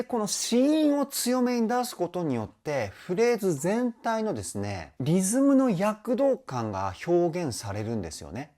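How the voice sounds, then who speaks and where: Lively low-voiced woman vocal coach. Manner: enthusiastic, explains while breaking in with short sung demonstrations. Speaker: vocal trainer. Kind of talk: song analysis commentary.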